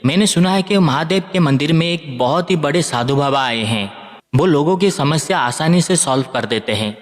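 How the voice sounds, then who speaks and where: A man's voice: on the high side, lively intonation, normal speed, close to an everyday voice. A man voicing a concerned elderly man who urges two quarrelling friends to stop, with a long hall reverb on the recording. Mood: urging. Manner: pleading, mediating.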